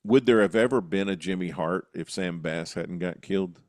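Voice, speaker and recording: A man's voice: low-pitched, moderate pace, no echo, studio quality. A man hosting a conversational podcast interview, reflective and steering the talk with questions and asides.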